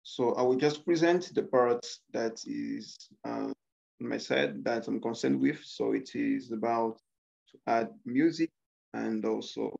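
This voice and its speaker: Sharing his screen on a video call, a young man from Rwanda walks through a student coding project, hesitating and using many filler sounds. His voice sits at medium pitch with vocal fry and a darkish tone, captured in slightly dull lo-fi audio.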